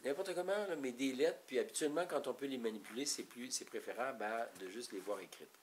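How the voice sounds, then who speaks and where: A man's voice: mid-range voice, fast, a little hiss or hum. Rambling Québécois man teaching parents. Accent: Québécois French. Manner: rambling, explanatory, many restarts. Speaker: parenting educator. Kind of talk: informal teaching talk.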